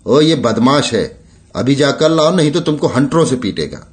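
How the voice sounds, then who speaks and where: A man's voice: on the high side, very animated, measured pace, voice pushed up. A man voicing a drunk, brutal colonial agent who barks orders in broken Hindi. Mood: angry.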